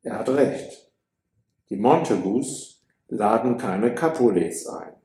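A man narrating a story for an audiobook in a calm, measured way. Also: on the low side, reverberant.

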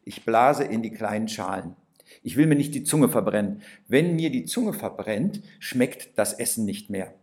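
Calm man narrating a gentle story. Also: on the low side, normal speed. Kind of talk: scripted first-person story narration.

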